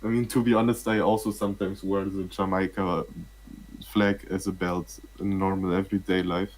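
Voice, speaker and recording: A young man who speaks English as a second language, chatting casually on a podcast. His voice sits low, and he rambles through stories with plenty of fillers and frequent laughs. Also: little pitch movement, moderate pace, a little mellow, low-quality recording. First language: not English. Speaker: podcast co-host. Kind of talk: casual chat.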